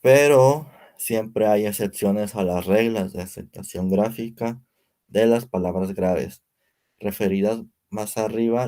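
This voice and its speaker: A young man reading a spelling lesson aloud, going through word lists with pauses and small slips. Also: fairly low pitch, warm tone. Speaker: student presenter.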